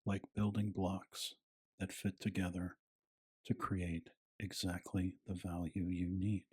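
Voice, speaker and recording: A man narrating a scripted bedtime piece in a hushed, soothing, soft-spoken ASMR style with a breathy voice. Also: sits low, level tone, takes it slowly.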